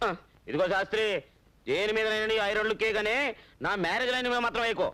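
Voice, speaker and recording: An actor playing a gullible, lovesick bachelor in a film comedy, whining and protesting. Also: male voice, high voice, quick pace, sharp tone. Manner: whiny protesting comic delivery. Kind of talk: Telugu film comedy acting. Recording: film soundtrack with music underneath.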